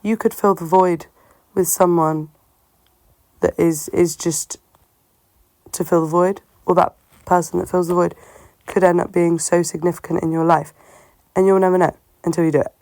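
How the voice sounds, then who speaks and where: A woman speaks in a slightly low, gravelly voice that sounds sore in the throat. She muses casually and haltingly, as if thinking aloud. The sound is close and dry. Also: little pitch movement, darkish tone, no echo. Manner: halting, musing, self-questioning. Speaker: solo host of a personal talk show. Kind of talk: casual reflective monologue.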